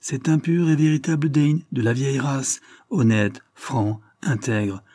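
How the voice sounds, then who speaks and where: A man's voice: medium pitch, measured pace, dark tone, pitched above the performer's own voice, lightly acted. A man reading the part of a proud, emotional old English lord in an audiobook, making solemn, heartfelt speeches.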